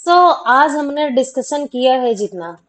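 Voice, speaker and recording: Teaching a class 10 science lesson, a woman asks questions, repeats and answers them herself, and constantly checks on students with "theek hai." She speaks a little slowly in a high, animated, fairly bright voice, captured in poor audio.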